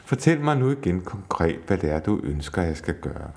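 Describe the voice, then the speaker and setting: A patient husband who answers his angry wife in a calm, soothing way and keeps asking what she wants, as a man reads his part. The voice is deep and measured. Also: gravelly, full character voice. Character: patient husband calmly trying to listen.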